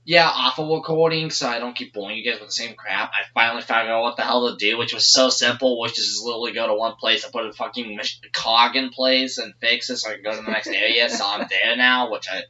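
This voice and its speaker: A man's voice: medium pitch, steady tone, fast talker, few pauses, pushed and bright. A man co-hosting a casual gaming podcast, rambling and swearing freely, often restarting his sentences. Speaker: podcast co-host. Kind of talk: casual chat. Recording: dull lo-fi podcast audio.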